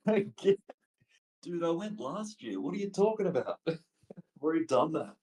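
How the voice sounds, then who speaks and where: A man's voice: a little high, big pitch swings, normal speed, mellow. Man echoing in a tiled bathroom. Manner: joking, laughs often. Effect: echoey bathroom reverb. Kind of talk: casual chat. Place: bathroom at home. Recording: echoey bathroom, voice off from the mic.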